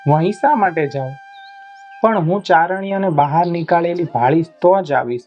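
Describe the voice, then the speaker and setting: A man voicing a reserved young Charan woman who speaks calmly and firmly. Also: a little high, moderate pace, dull audio, faint music behind, lightly acted.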